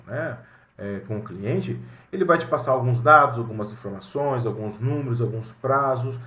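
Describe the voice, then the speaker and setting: A man's voice: mid-range voice, a bit bright, reverberant. A man with a Brazilian Portuguese accent giving a recorded lesson on phone customer service, talking conversationally with many fillers and acting out short phone greetings. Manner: demonstrates with brief role-played phone greetings. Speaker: teacher.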